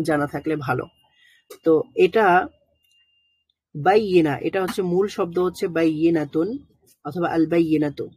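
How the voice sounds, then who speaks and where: Husky teacher. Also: mid-range voice, darkish tone, no echo. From Bangladesh. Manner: patient, pauses to sound out letters and syllables slowly; hesitant with frequent drawn-out fillers. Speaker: Quran recitation teacher. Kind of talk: online lesson explaining letters.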